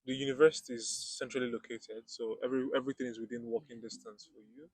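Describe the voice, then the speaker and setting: A man's voice: mid-range voice, little pitch movement, fast talker, breathy edge, no room sound. A man with a Nigerian accent, a master's student answering interview questions fluently.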